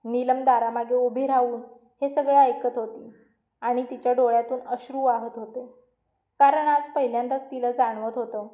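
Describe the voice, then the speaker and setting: A woman narrating a scripted story with steady storytelling. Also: on the high side. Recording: roomy echo.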